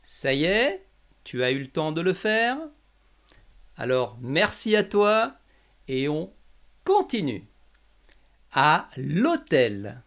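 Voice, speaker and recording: A French native teaches a scripted language lesson in a fairly high, bright, sing-song voice, speaking slowly with frequent pauses. He over-enunciates, articulating every word with exaggerated care.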